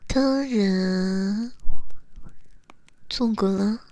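In an intimate role-play audio, a young woman plays a teasing, coaxing character who calls herself big sister. Speaking close to the mic in soft whispers, her mid-range voice draws out words, with no echo.

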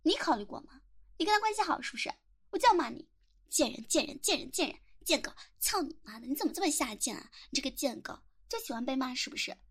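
Audio role-play drama: young woman playing a possessive, contemptuous teen schoolgirl with a high voice, taunting, hurling nonstop abuse. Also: lively intonation, quick pace, few pauses. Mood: furious, abusive. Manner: sneering, taunting, bursts into relentless shouted insults. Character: jealous, domineering teenage girl classmate, contemptuous and possessive. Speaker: voice actor.

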